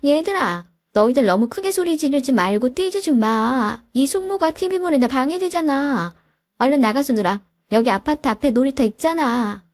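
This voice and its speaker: A woman voicing a spoiled young daughter-in-law with a sharp, whining voice. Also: high-pitched, expressive, normal speed, dry recording, clean studio sound, voice pushed up. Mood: snappish.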